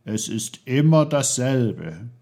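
A man voicing a kindly, wise tiny magical man who gently instructs a child, in a husky, slow storybook reading. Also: medium pitch, very animated, heavily acted. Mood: gentle.

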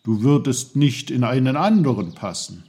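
A man's voice: medium pitch, big pitch swings, normal speed, mellow, voice pushed up, natural voice. A man voicing a fussy, know-it-all little uncle who lectures a boy. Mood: lecturing. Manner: busy, lecturing.

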